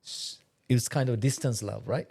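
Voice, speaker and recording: Mellow-voiced male co-host, halting. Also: medium pitch, creaky. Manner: halting, stumbling follow-up questions. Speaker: podcast co-host. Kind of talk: interview questions.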